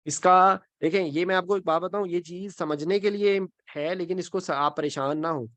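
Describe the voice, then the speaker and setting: A male teacher of the Quran and Arabic grammar, his voice high and a bit bright, runs an online grammar class recorded with no echo. He moves through explanations step by step, checks in with students as he goes, and mixes English phrases into his Urdu.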